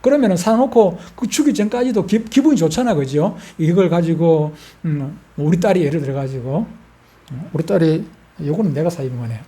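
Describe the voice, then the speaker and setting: A man's voice: a little high, fairly quick, mellow. An older man, a pastor with a Gyeongsang accent, preaching a sermon in a folksy way and putting questions to the congregation. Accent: Gyeongsang Korean.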